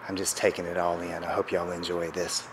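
Guy vlogging an empty old hotel, real low voice, awed, faint hum behind. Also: monotone, a little fast. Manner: awed, hushed, thinking aloud. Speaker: travel vlogger. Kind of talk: walking tour narration. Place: empty hotel suite, indoors.

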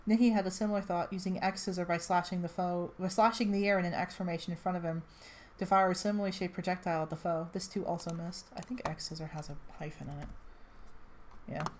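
Woman casually reading a fan story out loud, lowish voice, trips over words, little asides. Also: fairly even intonation, fast, slight background noise. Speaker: reader. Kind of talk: amateur fan-fiction read-aloud.

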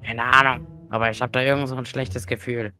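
A man voicing an angry, hot-tempered neighbor father in a gravelly, very deep voice. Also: level tone, fairly quick, bright, forceful tone, soft background music. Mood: suspicious. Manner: barking, menacing. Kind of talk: amateur game short-film acting.

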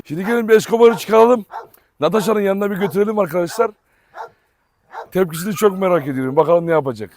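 High-voiced man chatting among his dogs. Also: quick pace, pauses often, a little mellow. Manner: chatty, talks to viewers and calls out to dogs. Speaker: dog breeder vlogger. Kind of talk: casual vlog walkthrough. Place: outdoors among dog kennels.

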